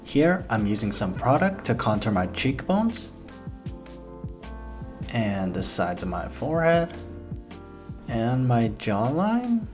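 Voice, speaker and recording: A young man doing a comedic voiceover for a makeup video, playful and jokey, swearing freely and throwing in loud exclamations. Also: mid-range voice, very animated, slow pace, long pauses. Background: faint background music.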